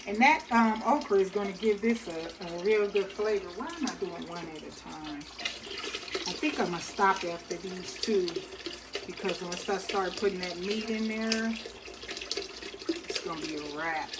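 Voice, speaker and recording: In a kitchen full of clattering pots and running water, a cooking channel host chats homily with her viewers while stirring a pot and adding ingredients. Her voice is lowish and a little slow, full of ums and restarts, and the recording is very noisy.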